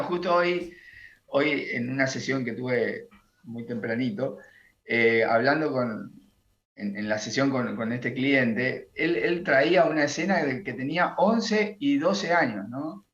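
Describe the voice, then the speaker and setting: Guest coach on an echoey, dull line. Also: male voice, medium pitch, fairly bright tone. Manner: reflective, unhurried, often adds a questioning tag. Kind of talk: reflective conversation.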